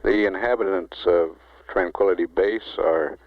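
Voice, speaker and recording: A man giving official status commentary as a mission control announcer, in a halting, measured delivery. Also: deep voice, no room sound. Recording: tinny narrowband 1960s broadcast line.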